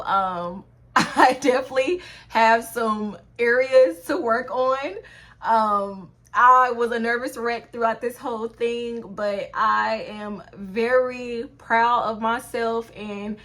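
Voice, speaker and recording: Slow-talking young woman beauty vlogger. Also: a little high, a bit bright. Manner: chatty, addresses viewers as y'all, drawn-out pace. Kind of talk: casual makeup tutorial chat.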